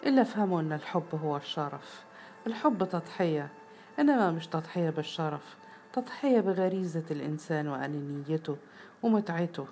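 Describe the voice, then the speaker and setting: A woman's voice: on the low side, animated, fast talker, a little mellow, a little hiss or hum. A woman with an Egyptian accent voicing a distressed young female student who pleads earnestly as she confides a secret. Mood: firm.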